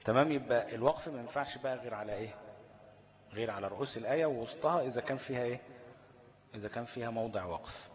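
A man with an Egyptian accent teaching Quran recitation rules. He reads definitions slowly, then explains them in colloquial speech and keeps asking his students check-in questions. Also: medium pitch, a little hiss or hum. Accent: Egyptian Arabic. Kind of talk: explanatory lesson. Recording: long hall reverb.

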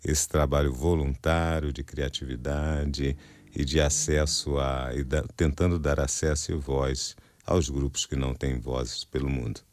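A man hosting a radio show in a studio, speaking with a Niterói accent in a brisk, upbeat announcer manner. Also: a bass voice, fairly even intonation. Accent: Niterói Brazilian Portuguese. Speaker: radio host.

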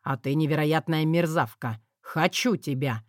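A woman reading an audiobook voices a sly, lustful male lord who speaks low and slow, with a menacing drawl. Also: no echo, studio quality. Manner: low, menacing, drawn-out lines. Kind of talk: audiobook character voice.

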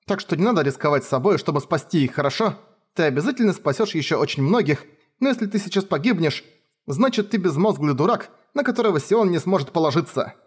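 A man reading an audiobook, voicing a tearful, devoted young woman warrior who pleads and breaks into shouts. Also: a little high, expressive, fast, husky, voice pushed up. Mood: pleading. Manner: pleading, sobbing, rising to shouts. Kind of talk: audiobook character voice.

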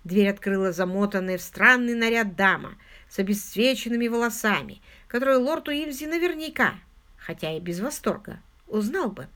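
A woman narrating an audiobook in an expressive, scripted reading style. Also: on the high side, normal speed.

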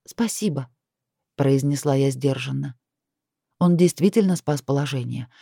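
A woman reading a fantasy audiobook in a measured, even first-person narration. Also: low-pitched, vocal fry, dry recording, studio quality. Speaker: audiobook reader.

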